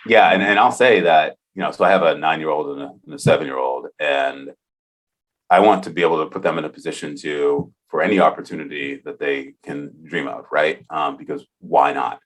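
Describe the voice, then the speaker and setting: Deep-voiced earnest male podcast host. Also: a little fast. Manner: earnest, enthusiastic, thinks aloud. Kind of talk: casual interview conversation.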